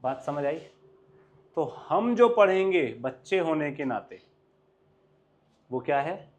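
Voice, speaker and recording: A young man with an Indian accent teaching a maths class, lively and coaxing, often quizzing his students. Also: on the high side, slow pace. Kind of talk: classroom lecture mixing Hindi and English.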